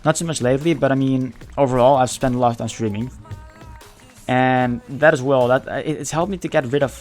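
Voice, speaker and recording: Over faint background music, a Dutch-native male streamer speaks casual English in a steady, slightly mellow, mid-range voice that still carries a Dutch accent. His livestream chat is halting, full of false starts while he hunts for the right word.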